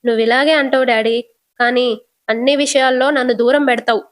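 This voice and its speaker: A woman's voice: high voice, steady tone, brisk, natural voice. A woman voicing a young adult daughter complaining back at her father. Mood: hurt defensive. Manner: complaining, defensive.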